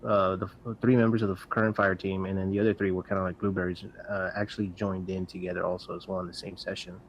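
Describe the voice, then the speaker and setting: A man co-hosting a casual gaming podcast, speaking haltingly with mid-sentence restarts. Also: deep voice, level tone, a little hiss or hum. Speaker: podcast co-host.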